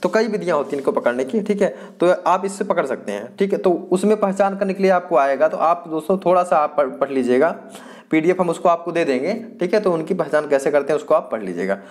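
A man's voice: fairly high pitch, animated, fast. A male teacher giving an exam-prep lecture. He repeats his points, asks the class questions and answers them himself, and often hesitates and restarts.

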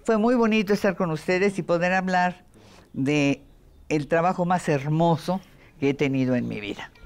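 An older woman with a Mexican Spanish accent, a veteran voice actress chatting in an interview, telling lively stories and mimicking voices. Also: on the low side, normal speed. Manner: lively storytelling with playful voice imitations. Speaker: voice actress and dubbing director. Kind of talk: casual interview chat.

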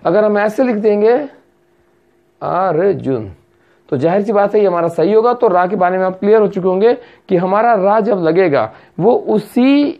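A woman's voice: mid-range voice, fairly quick, few pauses, dull audio. A woman teaching a spelling lesson, patiently repeating words and checking that her students follow.

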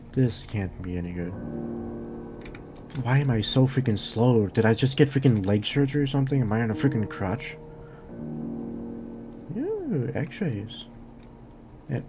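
A man hosting a let's play, chatting casually and making sarcastic jokes while playing a horror game. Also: on the low side. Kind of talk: casual gameplay commentary.

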